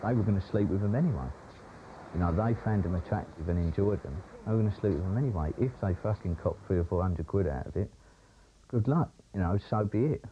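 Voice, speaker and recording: Deep-voiced man on worn tape. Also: fast talker, noisy background. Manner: boastful, blunt, swears freely. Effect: worn VHS tape copy. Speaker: interviewee in a documentary. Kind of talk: candid interview talk. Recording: dull worn tape copy with music behind.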